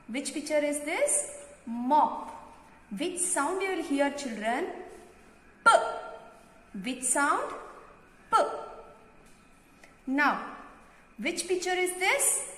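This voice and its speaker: Slow, high-pitched Indian woman teacher stressing word endings. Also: a bit bright. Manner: slow, repetitive questioning. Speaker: teacher of young children. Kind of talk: phonics lesson for young children. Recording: echoey hall-like reverberant room.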